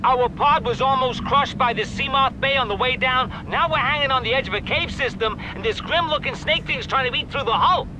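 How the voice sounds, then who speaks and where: A man's voice: extremely high pitch, brisk, few pauses, highs cut off. An actor playing a panicked stranded male survivor with an Australian accent, pleading for rescue. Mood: panicked, exasperated. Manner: exasperated, pleading. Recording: noisy game audio.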